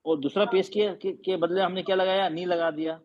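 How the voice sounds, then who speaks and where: A male Quran teacher with a fairly high, level voice explains reading rules a little fast in an online class, patiently quizzing his students over and over. The audio is dull and lo-fi.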